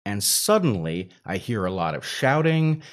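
A man's voice: on the low side, sing-song, a little slow. A man casually telling a long personal anecdote, rambling and circling back with fillers as he goes. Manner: rambling, self-interrupting with fillers. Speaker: storyteller guest.

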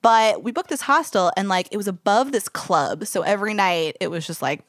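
A woman's voice: mid-range voice, moderate pace, dry recording, clean studio sound. A young woman from Kentucky, co-hosting a casual chat and telling a travel story in a chatty, playful way with lots of "like". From Kentucky, USA. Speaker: podcast co-host.

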